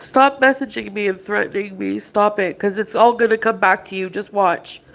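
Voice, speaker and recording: A woman's voice: medium pitch, steady tone, normal speed, creaky, a bit bright, rough recording. A woman on a livestream ranting in an agitated way, arguing with someone offscreen and talking to her chat. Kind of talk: emotional livestream rant.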